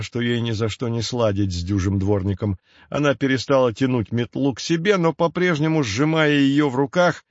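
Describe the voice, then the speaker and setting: A man narrating a fairy tale audiobook with expressive storytelling. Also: mid-range voice, no echo. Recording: dull lo-fi dry recording.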